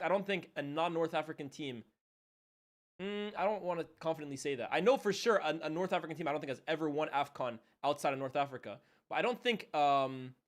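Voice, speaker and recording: A young man hosting a football watchalong stream, chatting loosely with his chat, saying "bro" a lot and laughing often between calls of the play. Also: on the high side. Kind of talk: casual live-stream chat and match commentary.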